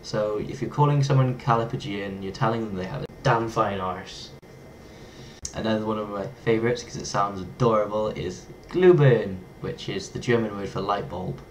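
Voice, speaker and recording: This is a young man with an English accent, vlogging playfully at his webcam in a small bedroom and having fun with foreign words. He speaks on the low side at a moderate pace, with a little hiss or hum in the background.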